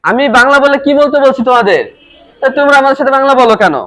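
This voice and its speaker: A woman teaching an English class in a school classroom, repeating phrases slowly and calling out loudly to drill the students' pronunciation. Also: high voice, expressive, noisy background. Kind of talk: classroom lesson.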